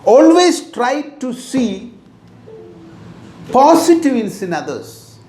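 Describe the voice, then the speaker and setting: Slow, high-voiced Indian English speaker. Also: male voice, sing-song, warm tone. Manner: slow, deliberate, repeats key phrases. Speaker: motivational teacher. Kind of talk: motivational talk. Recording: echoey room.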